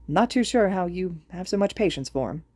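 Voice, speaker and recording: A woman's voice: fairly low pitch, expressive, fairly quick, darkish tone, no echo. Woman reading a stiff, formal schoolboy. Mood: exasperated. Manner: dramatic, formal. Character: stiff, formal teenage boy student.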